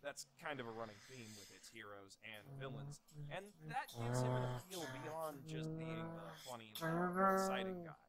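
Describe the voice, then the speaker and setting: A man narrating a scripted video essay in a lively, wry, analytical way. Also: a little high, normal speed, few pauses, poor audio.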